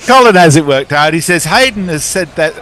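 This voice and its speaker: A man co-hosting a casual cricket chat, brisk and practical, sorting out the schedule. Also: fairly high pitch, expressive, a bit bright, slight background noise. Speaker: co-host.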